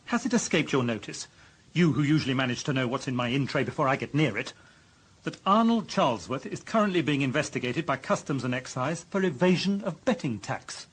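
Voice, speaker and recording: In a radio drama with poor audio, an actor with a British accent plays an exasperated, authoritative deputy police chief handing out stern, sarcastic reprimands. His mid-range male voice is husky, expressive and fairly quick, sounding angry and scathing.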